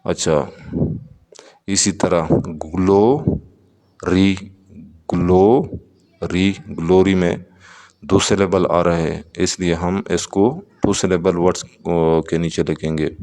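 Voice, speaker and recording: Slow, deep-voiced male teacher. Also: steady tone, a little mellow, big-room sound. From Pakistan. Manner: slow, repeats words and asks students questions. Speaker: English teacher. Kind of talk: classroom lesson explaining vocabulary.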